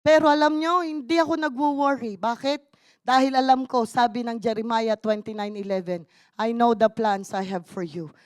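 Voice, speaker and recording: Filipino woman, sermon, high voice, dry close sound, emphatic bursts. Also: steady tone, normal speed, no echo. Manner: switches between Tagalog and English, rising to emphatic bursts. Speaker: preacher.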